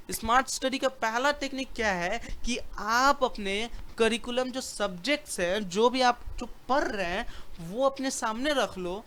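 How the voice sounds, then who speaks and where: A man's voice: extremely high pitch, a bit bright. A man giving a motivational lecture to students on study skills in an auditorium, talking emphatically and colloquially, repeating phrases and asking rhetorical questions.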